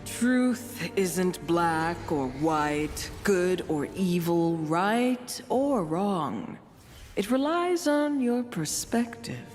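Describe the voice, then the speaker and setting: A woman plays a dramatic mystic from a fantasy video game, her lowish, darkish voice exaggerated and sing-song as she speaks slowly and portentously. Mysterious and wistful with a playful streak, her theatrical narration drifts between mystery and chatty asides. Music plays clearly behind her.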